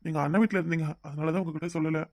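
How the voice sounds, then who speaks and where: A flustered husband from a cartoon family drama, voiced by a voice actor, rattling off lines at breakneck speed. The sound is bone-dry and close, with no room around it. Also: male voice, a little high, steady tone, no echo, natural voice. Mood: earnest. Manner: hurried, pleading, scolding in turns. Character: harried husband, eager to please. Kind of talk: cartoon voice acting.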